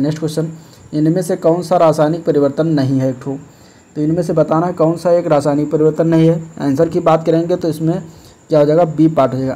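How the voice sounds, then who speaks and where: Mellow-voiced man explaining test answers. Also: on the high side. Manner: steady explanatory, repeats "ठीक है", frequent fillers. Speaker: exam-prep teacher. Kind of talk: explaining practice test questions.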